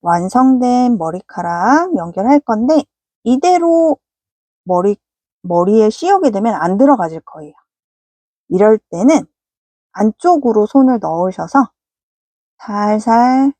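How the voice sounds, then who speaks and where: A woman's voice: medium pitch, very animated, a little slow, long pauses, dark tone, no echo. A woman giving a patient, polite step-by-step crochet tutorial. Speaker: crochet instructor.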